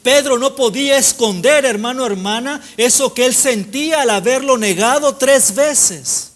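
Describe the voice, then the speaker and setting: High-voiced preaching man. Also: a little slow, a bit bright. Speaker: pastor. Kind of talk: sermon.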